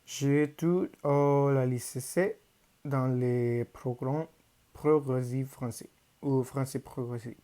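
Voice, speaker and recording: A high school student, this teenage boy from Mexico is a native Spanish speaker with a Mexican Spanish accent. In a warm, mid-range voice of fairly even intonation, he reads his prepared class presentation in a careful, halting manner.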